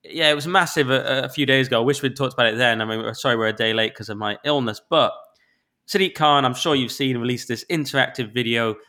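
A man co-hosting a podcast, chatting in a quick, mocking, sarcastic way. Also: mid-range voice, bright, forceful tone. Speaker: podcast co-host. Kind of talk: casual political chat.

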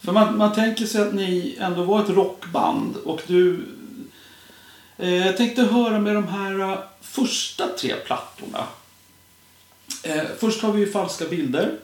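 A man interviewing a musician, friendly and quick to agree, asking about his early records. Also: high voice. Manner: friendly, affirming with short acknowledgements. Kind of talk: casual interview. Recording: roomy echo.

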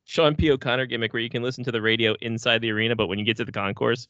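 A man's voice: medium pitch, steady tone, very fast, fairly bright tone, no room sound, muffled recording. A man hosting a sports podcast with casual, slangy, bro-ish banter and loose swearing. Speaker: hockey podcast host.

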